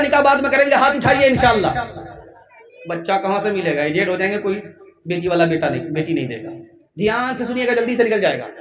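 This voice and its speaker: A man's voice: sits high, background noise. A man preaching a sermon as a mufti, pleading passionately with his audience. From India.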